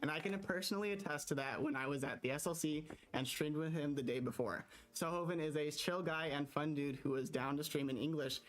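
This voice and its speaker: A man co-hosting a livestream, chatting casually and commenting on his game, excitable and often repeating words. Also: a little high, fairly quick, few pauses. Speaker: livestream co-host and gamer.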